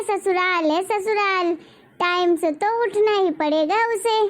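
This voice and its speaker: A woman voicing a nagging, strict middle-aged mother-in-law in a cartoon story, scolding with dramatic exclamations. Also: very high-pitched.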